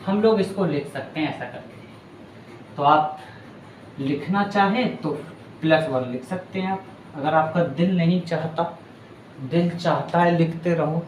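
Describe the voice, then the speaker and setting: A man's voice: a little high, slight background noise. Chatty male teacher in an echoey room. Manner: patient, chatty, addresses students as bhaiya and beta. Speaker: physics teacher. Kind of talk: board lesson explaining a numerical.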